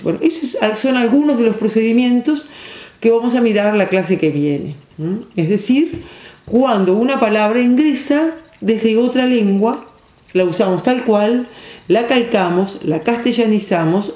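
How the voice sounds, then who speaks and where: A teacher gives a recorded university lecture, explaining at a measured pace, pausing while writing and often checking in with a soft questioning hum. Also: mid-range voice. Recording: echoey room with faint background noise.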